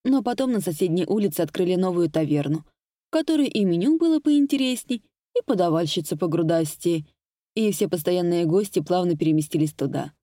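A woman's voice: fairly low pitch, dark tone, dry recording, clean studio sound. A woman narrating an audiobook in the first person, in a wry, conversational way.

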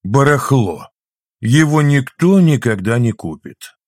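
A man voicing a grumpy, sarcastic old shopkeeper in an audiobook, grumbling his lines in a higher, louder voice. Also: big pitch swings, slow pace, dry recording, clean studio sound. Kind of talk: audiobook reading.

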